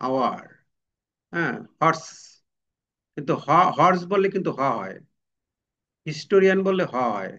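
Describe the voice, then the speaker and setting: Male tutor, slightly high voice, patient step-by-step grammar explanations with repeated examples, dull lo-fi recording. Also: fairly bright tone. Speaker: teacher. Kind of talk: exam-prep grammar lesson.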